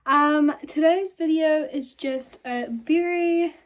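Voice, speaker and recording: A woman's voice: sits high, takes it slowly. A young woman in her twenties chatting casually into her phone in her bedroom, rambling with lots of ums and likes and a little out of breath. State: a bit out of breath. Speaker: vlogger. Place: bedroom by a lamp. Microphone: phone camera.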